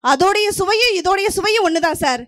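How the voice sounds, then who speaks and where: A woman's voice: very high-pitched, expressive, fairly quick, a bit bright, no room sound, clean studio sound. A middle-aged woman from Puducherry giving a stage debate speech, declaiming in rhythmic parallel lines and pressing her point. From Puducherry, India. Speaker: debate speaker.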